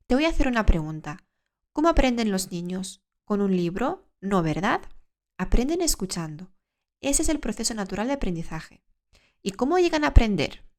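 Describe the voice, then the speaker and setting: A Spanish teacher from Spain hosts a scripted podcast lesson for learners, explaining clearly and in a measured way while asking the listener questions. Her voice is medium in pitch with a darkish tone.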